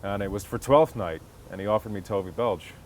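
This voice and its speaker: Out on a golf course, a Connecticut-born American man who works as a stage actor shares stories in a relaxed interview. He speaks briskly in a lowish voice. Outdoor background noise, including vehicles, comes through clearly.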